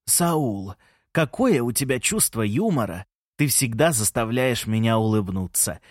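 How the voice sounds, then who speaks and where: Man doing a theatrical old granny, doting, bossy, slightly raised pitch, dry close sound. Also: very animated, measured pace, dry recording. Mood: doting, teasing. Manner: gushing, teasing, fussy. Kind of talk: audiobook character reading.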